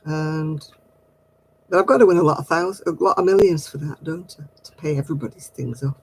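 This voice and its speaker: Chatting with viewers about their comments, a middle-aged man runs a laid-back craft livestream, giggling and rambling as he goes. He sounds a little high and a little fast, and the rough recording carries some hiss or hum.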